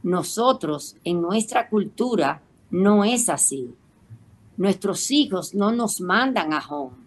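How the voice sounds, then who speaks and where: Middle-aged woman, radio co-host, unhurried and emotive storyteller who acts out the voices of others. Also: mid-range voice, expressive, slight background noise. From Caribbean.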